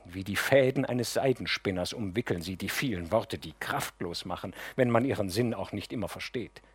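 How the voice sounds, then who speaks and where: A man narrating a literary audiobook in a measured, grave manner. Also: on the low side, slightly rough, no echo. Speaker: audiobook reader.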